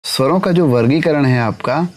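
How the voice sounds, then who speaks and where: In an exam-prep lesson, a man with a medium-pitched, slightly mellow voice questions the class and then answers for them. Quick tag questions keep popping up at the ends of his lines.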